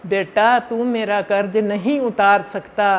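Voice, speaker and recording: A man's voice: high voice, steady tone, slow pace, a little hiss or hum. A man voicing a patient old mother. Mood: gentle. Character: gentle, patient elderly mother.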